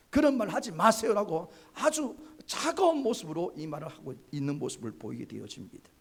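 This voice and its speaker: A male pastor preaching a Sunday sermon in church, asking the congregation questions and having them repeat after him. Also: high-pitched. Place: church sanctuary, live-streamed service.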